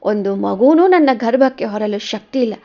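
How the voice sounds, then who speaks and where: A woman's voice: on the high side, lively intonation, normal speed, lo-fi sound. A woman voicing a grieving young wife who pleads in tearful outbursts. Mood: despairing.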